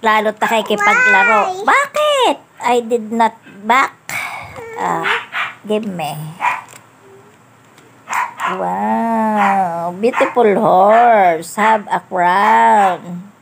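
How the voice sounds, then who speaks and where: Slow, hushing woman babysitter. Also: medium pitch, animated, gravelly, heavy background noise. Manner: soft coaxing baby talk, hushing; mixes English words into her talk. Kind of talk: vlog, talking to a toddler.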